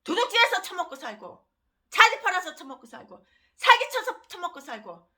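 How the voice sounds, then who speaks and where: A woman pastor delivering a fiery, ranting sermon that swings between loud bursts and low, trailing drops. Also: sing-song, moderate pace.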